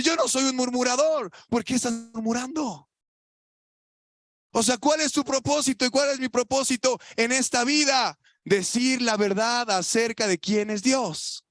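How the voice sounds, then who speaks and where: A young adult man with a Mexican Spanish accent preaching a sermon in a church, colloquial, asking the audience rhetorical questions and swinging between loud emphatic lines and quiet asides. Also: very high-pitched, no room sound, clean studio sound.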